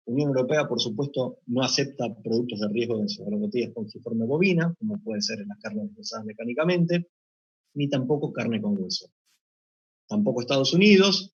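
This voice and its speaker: A man delivers a technical conference presentation in a husky, slightly breathy voice of middling pitch. He explains step by step in a measured way, pausing now and then to find a word. The recording sounds dull and lo-fi. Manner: measured, explanatory, occasional hesitations. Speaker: meat plant deputy manager presenting.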